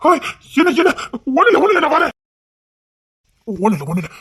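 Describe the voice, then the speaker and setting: A woman voicing a young husband who is gentle and coaxing with his pregnant wife, in an amateur audio drama. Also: fairly low pitch, a little fast, breathy edge. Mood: anxious. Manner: gentle and coaxing, turning frantic. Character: young husband, tender and anxious.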